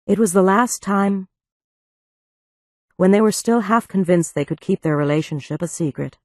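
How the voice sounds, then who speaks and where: A woman narrating an audiobook in an even, measured reading on a close studio mic. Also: mid-range voice, no room sound. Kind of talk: scripted narration.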